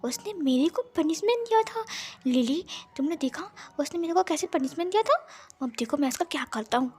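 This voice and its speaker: A woman voicing a bratty, hot-tempered young male prince with shrill, indignant outbursts. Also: animated, a little fast, a little mellow. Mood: sulky.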